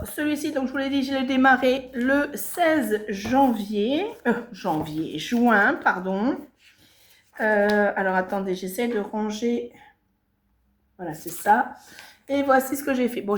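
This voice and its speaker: A woman chatting casually to her viewers about her stitching projects, with many hesitations and self-corrections. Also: on the high side. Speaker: cross-stitch vlogger. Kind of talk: casual show-and-tell chat.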